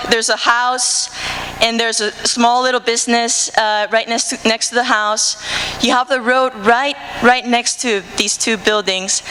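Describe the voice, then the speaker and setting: A marine conservation researcher from the Cibao region of the Dominican Republic tells a personal story in a conference hall, speaking earnest English with a Dominican Spanish accent, many "uh" fillers and restarts. Her voice is on the high side, bright and forceful. There is hall reverb and faint room noise.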